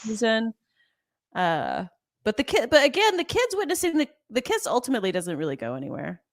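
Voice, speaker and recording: Animated American woman, lively pitch. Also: no echo, studio quality. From United States. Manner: animated, teasing, quick laughs. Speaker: podcast co-host. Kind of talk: casual chat.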